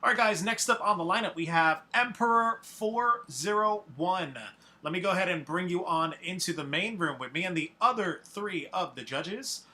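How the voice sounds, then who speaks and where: A man hosting a live online showcase, upbeat and brisk like an announcer. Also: high voice, bright, forceful tone. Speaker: showcase host.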